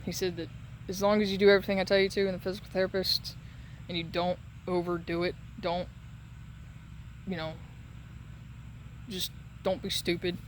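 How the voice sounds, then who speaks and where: High voiced guy doing a rambly halting vlog after surgery, sore throat, bit of noise behind him. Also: little pitch movement. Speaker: patient giving a recovery update. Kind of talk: casual solo vlog.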